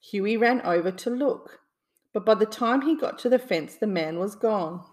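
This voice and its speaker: A woman reading a children's bedtime story aloud in a gentle, soothing storyteller manner. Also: mid-range voice, animated, normal speed.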